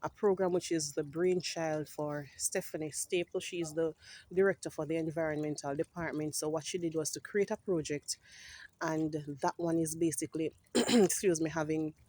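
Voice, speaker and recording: Woman, farm project rep, low-pitched and warm, passionate tour-guide delivery, greenhouse setting. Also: fairly even intonation, normal speed. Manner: passionate, often adds "right?"; clears her throat now and then. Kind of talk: walking greenhouse tour talk. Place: inside a greenhouse.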